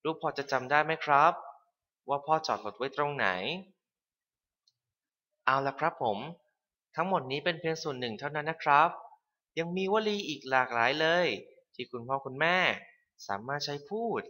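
A man narrating a scripted English lesson for parents, polite and clear, reading the English phrases slowly. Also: fairly high pitch, pushed and bright.

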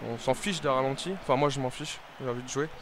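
A young man commenting casually on his own football video game, rambling and hesitant with many fillers and restarts, breaking into excited shouts at the game. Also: mid-range voice, fast talker, background noise. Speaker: gaming video creator.

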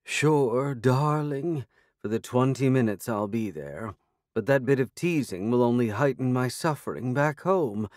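A man's voice: mid-range voice, expressive, unhurried, a little mellow, no echo, studio quality, pitched above the performer's own voice, natural voice. A man voicing a haughty, sarcastic female talking cat with a drawling, disdainful delivery.

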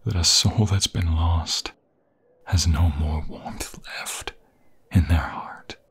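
Low and steady in tone, he speaks tenderly and intimately as a lovestruck vampire fiancé pleading in a romantic ASMR roleplay. The delivery is husky and breathy, halting with emotion and frequently slipping into whispers.

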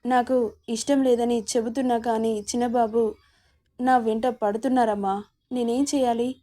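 A woman's voice: a little high, little pitch movement, normal speed, mellow, lightly acted. A woman voicing a timid young housemaid who pleads and defers. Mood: pleading.

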